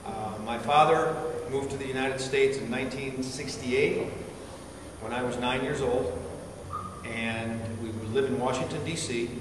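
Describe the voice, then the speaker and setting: In an echoey hall, a Chilean man in his forties is picked up from far away amid background noise, his mid-range voice unhurried. He's an army band musician giving cadets an informal, chatty talk and quizzing them with questions.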